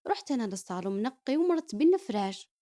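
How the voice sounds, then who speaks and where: A young woman with an Algerian accent narrating her own story in a lively, conversational way. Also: on the high side, very fast. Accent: Algerian Arabic. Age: young adult. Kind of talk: first-person story narration.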